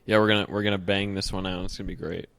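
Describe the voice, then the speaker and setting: A man's voice: deep voice, fairly even intonation, racing, creaky, a bit bright, no room sound. A young man co-hosting a podcast, chatting loosely and swearing casually. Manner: loose, swearing, laid-back banter. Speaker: podcast co-host. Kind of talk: casual chat.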